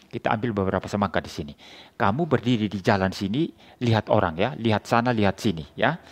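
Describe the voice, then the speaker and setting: A shifty father barks quick orders to keep watch, his voice low and guarded, played by a man. The tone is conspiratorial and edgy. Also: lightly acted. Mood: scheming. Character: scheming father stealing melons, nervous.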